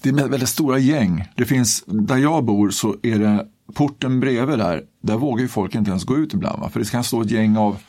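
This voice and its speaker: A middle-aged man telling blunt, animated stories about his neighborhood in a casual interview. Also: mid-range voice, few pauses. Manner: blunt, animated, tag questions. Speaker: local resident interviewee. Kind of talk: casual storytelling.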